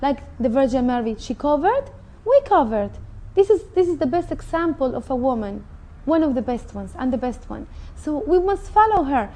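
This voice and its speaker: A woman's voice: sits high, sing-song, moderate pace, dark tone. A woman from Mexico with a Mexican Spanish accent, telling her personal story in an earnest, emphatic way and often searching for words. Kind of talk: unscripted personal testimony.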